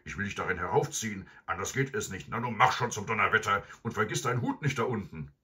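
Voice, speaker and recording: Man doing a loud gruff storybook robber, deep voice, bright tone, swinging pitch. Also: animated, fast. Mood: booming, mocking. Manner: booming, taunting. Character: blustering gruff male robber, loud and mocking.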